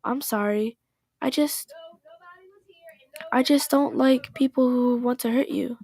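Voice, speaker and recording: A woman voicing a shy, bookish teenage girl as she reads game dialogue aloud, with a soft, hesitant and apologetic manner. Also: sits high, fairly even intonation, slow, husky, no echo, full character voice.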